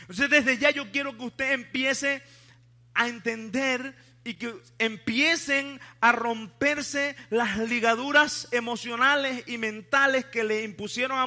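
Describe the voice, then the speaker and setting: Bright, high-voiced pastor. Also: male voice, fairly even intonation, a little slow. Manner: asks the congregation questions, leads call-and-response. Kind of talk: sermon. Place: church before a congregation.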